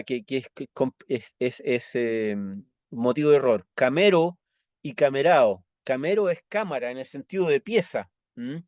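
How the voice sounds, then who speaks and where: A man's voice: a little high, a little mellow, no room sound. Chilean male teacher, patient explainer, muffled dry recording. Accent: Chilean Spanish. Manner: patient, checks understanding with quick tag questions. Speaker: Esperanto teacher. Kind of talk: explanatory lesson with slides.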